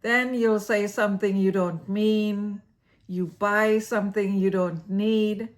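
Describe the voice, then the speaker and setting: A woman's voice: mid-range voice, steady tone, slow. A woman hosting an educational series, narrating a scripted explainer in a playful, theatrical way and laughing at her own jokes.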